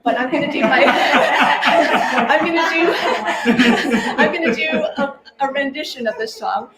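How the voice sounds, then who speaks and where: A woman's voice: high-pitched, fast, heavy background noise. A bubbly woman leading a live laughter meditation session, often laughing as she talks to the group. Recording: echoey room with a live crowd.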